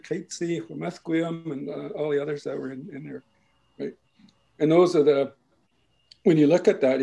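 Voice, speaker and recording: A man with a slightly high, mellow voice explains things in a slow, patient way. He often pauses to check that the listener is following. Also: vocal fry, poor audio. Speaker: language and culture speaker. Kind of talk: explanatory talk.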